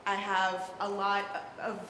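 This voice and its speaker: A young adult woman in the audience of a public event rambles and hedges through a long comment, speaking slowly in a medium-pitched, completely flat voice. The large hall echoes, with faint room noise.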